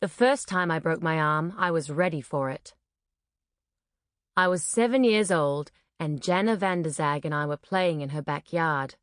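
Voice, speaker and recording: A woman reading a first-person novel aloud as an audiobook narrator, clear and expressive in her storytelling. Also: low-pitched, normal speed, no echo, clean studio sound.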